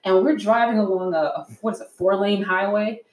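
A young woman talks casually with her partner and tells stories with plenty of flair, acting out little voices and laughing often. Her voice sits at a middle pitch. It comes through off mic, with a roomy echo around it. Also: a little fast, far from the mic, a little hiss or hum. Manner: animated storyteller, acts out voices, laughs often. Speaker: co-host of a couples talk show. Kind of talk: casual chat.

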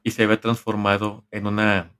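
A man with a Mexican accent tells a story to his friends in a podcast chat. His voice sits a little low. He rambles and stops to find his words, and he drops slang and swearing along the way. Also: monotone, moderate pace, a bit bright, clear, resonant tone. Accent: Mexican Spanish. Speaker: podcast co-host. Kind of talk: casual storytelling among friends.

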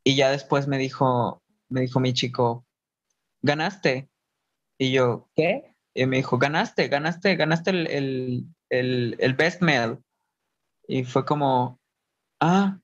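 In a casual storytelling interview, a man who works as a burlesque performer and dance teacher acts out his own past thoughts. He speaks slowly in a mid-range voice, and the recording's highs are cut off.

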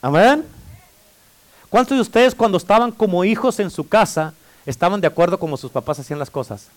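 A male pastor with a high-pitched voice delivers a lively sermon in church. He calls out for amens and playfully teases his listeners as he preaches. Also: a little fast. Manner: preaching with call-and-response amens; playful, teasing the congregation.

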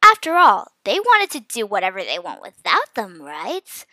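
A woman's voice: mid-range voice, wildly swooping pitch, normal speed, bright, forceful tone, dry recording, heavily acted. A woman voicing a scheming, boastful male purple raccoon villain in a storybook tale. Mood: gloating. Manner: boastful, gloating.

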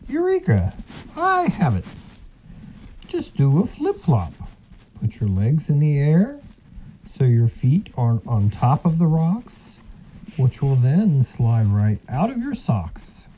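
A man's voice: medium pitch, wildly swooping pitch, slow pace, warm tone, a little hiss or hum, voice pushed up, poor audio. A man voicing a clever, boastful male fox in a rhyming storybook, confident and sing-song. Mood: self-satisfied.

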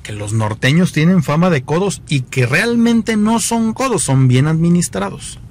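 A man with a Mexican accent telling jokes at an unhurried pace. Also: on the high side, lively intonation, slight background noise. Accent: Mexican Spanish. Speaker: joke teller.

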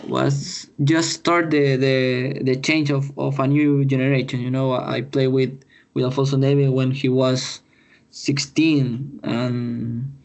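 A Chilean footballer with a Spanish accent answers podcast interview questions in English, halting and repeating words as he searches for them. His voice is mid-range.

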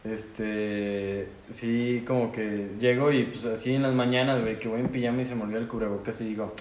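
A man's voice: medium pitch, fairly even intonation, moderate pace, a little mellow. A young man with a Mexican accent, chatting casually on a podcast in a loose, filler-heavy way. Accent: Mexican Spanish. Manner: laid-back, rambling with many fillers. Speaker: podcast co-host. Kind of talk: casual chat. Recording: roomy room with faint background noise.

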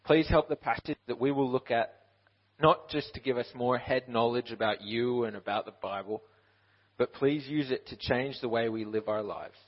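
Husky young man preaching in a church. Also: mid-range voice, normal speed, dull audio. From Ukraine. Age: 20s. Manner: self-deprecating and laughing, with many restarts. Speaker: Bible college student preaching. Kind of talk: interview then sermon. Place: church stage.

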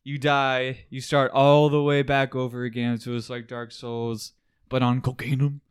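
A man co-hosts a relaxed podcast, cracking jokes and laughing through the talk. His voice is smooth and resonant, sitting at a middle pitch. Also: unhurried. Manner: jokey, laughing often. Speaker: podcast co-host. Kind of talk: casual podcast chat.

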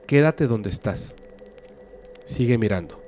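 A man voicing a humanoid alien that repeats slow, flat commands. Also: medium pitch, soft background music. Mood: hypnotic. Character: staring humanoid alien giving mind commands.

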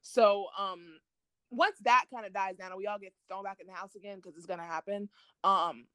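A laid-back woman chatting casually as a podcast co-host, laughing easily between her thoughts. Her pitch sits in a middle range, and the recording is dry with no room sound. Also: steady tone, moderate pace, fairly bright tone, smooth, no echo. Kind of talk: casual chat. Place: home.

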